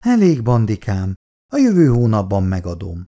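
A woman's voice: extremely low pitch, huge pitch swings, warm tone, full character voice. A man doing a fretful middle-aged mother. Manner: fretful, sighing. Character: worried middle-aged working-class mother. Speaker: mother of grown children.

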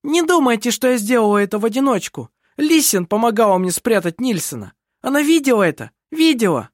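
A reader voicing an angry young woman who shouts accusations in an audiobook. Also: mid-range voice, lively intonation, brisk, no room sound, studio quality, voice pushed up, lightly acted. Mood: furious. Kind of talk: audiobook character voice.

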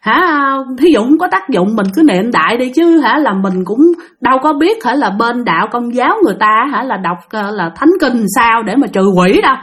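Animated woman storyteller. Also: fairly high pitch, normal speed, few pauses. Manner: animated, exclaims often, refers to herself by name. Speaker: storyteller of spiritual experiences. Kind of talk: casual first-person storytelling.

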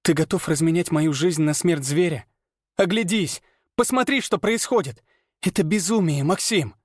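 Male reader doing a frantic centuries-old healer woman, high pleading cries. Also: normal speed, no room sound, studio quality, close to an everyday voice. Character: desperate 390-year-old woman healer.

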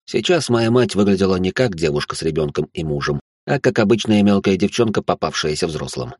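A man reads a first-person story as its narrator, in a measured storytelling manner. His voice sits low and sounds husky. The recording is dry and close. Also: lively intonation, no echo.

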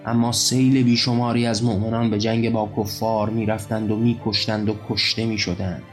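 A man reads his own novel aloud, low in pitch and keeping a flat, level delivery throughout. Faint music sits underneath the narration. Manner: even, measured literary reading. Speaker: author and narrator. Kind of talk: audiobook narration.

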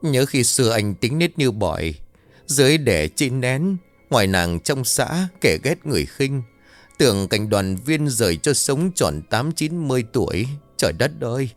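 A man's voice: mid-range voice, natural voice. A man voicing a cowardly young male street thug who sobs, pleads and slips into rhymed verse.

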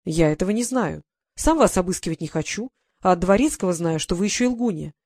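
A man's voice: sits high, expressive, fast talker, darkish tone, no echo. A stern aristocratic lord with a commanding, clipped manner, as an audiobook reader puts him on. He presses with question after question, cold and unbending. The sound is dry and close, with no room around it. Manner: stern, interrogating.

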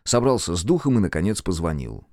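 A man narrating an audiobook with expressive storytelling. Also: low voice, fast, dry recording, studio quality. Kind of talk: scripted narration.

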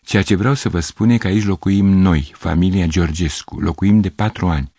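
A polite, faintly amused young man who calmly sets the record straight, voiced by a man reading a story. The voice is low and husky, close and dry. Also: dry recording. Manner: calm, measured, politely correcting.

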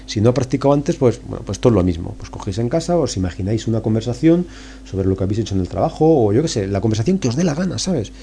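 A man's voice: mid-range voice, animated, rapid-fire, dark tone, slight background noise. A man with a Spain Spanish accent hosting a podcast, talking casually and informally, coaxing listeners and repeating words for emphasis. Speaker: podcast host. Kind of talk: casual solo podcast talk.

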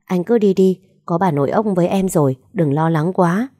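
Woman voicing a calm reassuring young doctor. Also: fairly low pitch, normal speed, no echo, studio quality, natural voice.

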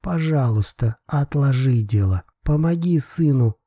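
Man playing proud old father, emphatic, pleading, warm husky tone, dry audiobook read. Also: mid-range voice, lively intonation, unhurried, no echo. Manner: emphatic, pleading, broken grammar. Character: proud, desperate older man, hot-tempered father.

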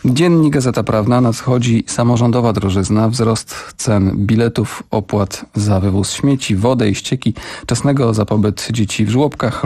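A man's voice: fairly low pitch, darkish tone, slightly rough, dry recording. A man hosting a morning radio show, announcing the programme and reading press headlines with wry asides. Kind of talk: casual radio presenting. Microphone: studio microphone.

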